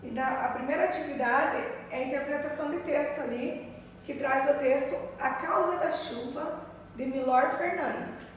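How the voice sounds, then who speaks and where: A woman's voice: high-pitched, moderate pace. A woman teacher giving a recorded remote grammar lesson, patiently repeating words and checking in with her pupils. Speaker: primary school teacher. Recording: echoey room, voice far from mic, faint noise.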